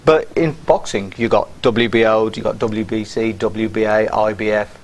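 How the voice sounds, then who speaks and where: A man's voice: lowish voice, fairly even intonation, moderate pace. A man conducting a casual interview, chatty and agreeable. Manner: chatty, agreeable, many short affirmations.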